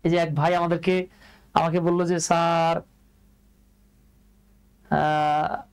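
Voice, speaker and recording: Bangladeshi man teaching, repeating himself, fairly high voice. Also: little pitch movement, slow, clear, resonant tone, rough recording. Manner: repeats phrases and quizzes students; addresses students as dear. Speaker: English teacher. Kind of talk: online class lecture.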